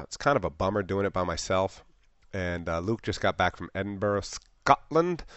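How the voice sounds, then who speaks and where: A man hosting a casual podcast, a stand-up comic who talks in a relaxed way with lots of "uh" fillers. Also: low voice, clean tone, no room sound, highs cut off.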